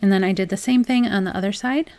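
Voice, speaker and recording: A young adult woman hosting a home crafts channel, talking through a project in a relaxed, chatty voice-over with frequent "um"s. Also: medium pitch, fast talker. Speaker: DIY crafts channel host. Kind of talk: casual voice-over tutorial.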